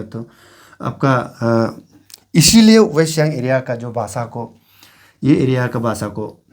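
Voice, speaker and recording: A man from Arunachal Pradesh talks through an informal language lesson at a middle pitch. He says each example word two or three times, slowly and deliberately, and keeps pointing at areas as he explains. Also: warm tone. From Arunachal Pradesh, India. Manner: repeats example words slowly, pointing at regions. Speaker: language teacher.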